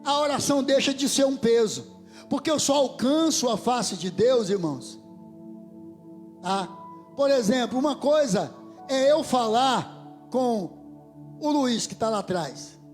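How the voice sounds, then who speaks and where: A Brazilian man preaches with fervor in a very high voice, his delivery rising to shouts and falling to near whispers. Faint music plays beneath him in the church. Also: expressive, unhurried, pauses often. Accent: Brazilian Portuguese. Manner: fervent, swells to shouts and drops to near whispers. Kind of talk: sermon. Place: church hall. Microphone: handheld microphone.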